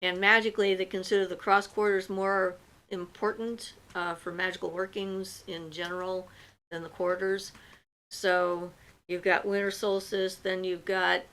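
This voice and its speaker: Unhurried and level-toned, a woman with a mid-range, slightly bright voice hosts a livestream over poor audio. She reads out what viewers ask, then answers at length in a loose, chatty style with many fillers.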